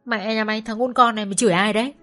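A coarse, foul-mouthed older thug, short and fat, who sneers and yells his insults in a voice pushed higher and louder than the reader's own, as a woman narrator puts him on. Faint music runs underneath. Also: steady tone, rapid-fire. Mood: abusive, sneering. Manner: crude, abusive, shouting. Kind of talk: audiobook story reading.

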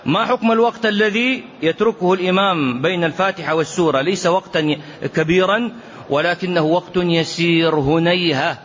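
Animated middle-aged sheikh teaching. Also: male voice, high-pitched, a little fast. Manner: animated, rhetorical questions, mock dialogue. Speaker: sheikh giving a lesson. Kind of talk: religious lesson answering questions. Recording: dull lo-fi recording with faint hiss.

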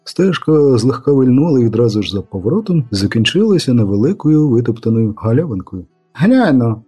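A man reads a story aloud in a steady, measured way. His voice is dark and husky, and a faint music bed plays underneath. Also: mid-range voice. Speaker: audiobook reader. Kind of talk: scripted narration.

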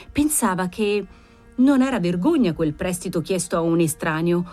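An audiobook reader narrates a classic novel in a measured, expressive way. Her voice is mid-range.

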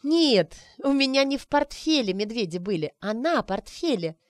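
Woman putting on an excitable young woman. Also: on the high side, moderate pace, dry recording, studio quality, pitched above the performer's own voice. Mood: indignant. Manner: eager, indignant.

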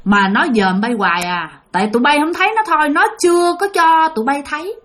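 A woman's voice: high voice, fast, fairly bright tone. A woman voicing a blunt, scolding old female ancestor spirit who speaks through a medium in a storytelling recording.

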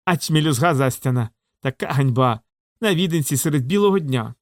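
A man's voice: mid-range voice, expressive, brisk, dry recording, clean studio sound, natural voice. A man voicing a red-faced portly man who rants with indignation. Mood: indignant. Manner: ranting, indignant.

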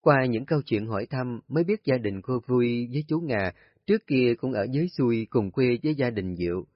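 Husky man narrating a story. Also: medium pitch, brisk, no echo. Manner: calm, steady storytelling. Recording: husky voice, dull lo-fi audio, faint music.

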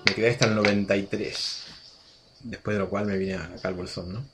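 A man's voice: lowish voice, level tone, brisk, fairly bright tone, faint music behind. A man in his sixties with an Argentine accent, a radio guest telling stories in a chatty way, full of restarts and asides. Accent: Argentine Spanish. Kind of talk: casual storytelling interview.

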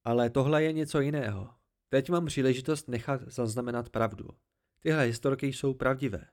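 A man voicing a patient innkeeper storyteller who speaks lower and mildly, soothing a distraught friend, in an amateur audiobook. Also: steady tone, a little mellow, close to an everyday voice. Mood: calm. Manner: low, mild, soothing. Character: calm older innkeeper storyteller, patient, gentle.

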